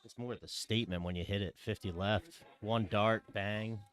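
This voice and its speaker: Low-pitched man in casual darts commentary. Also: fairly even intonation, moderate pace. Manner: teasing, colloquial. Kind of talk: casual live sports commentary.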